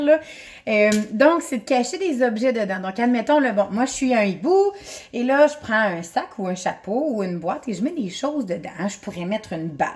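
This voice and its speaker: A Québécois woman teacher talks to young children in a chatty, encouraging way, her pitch sitting in the middle of the usual range for a woman. She records the video lesson from home. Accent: Québécois French. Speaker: elementary school teacher.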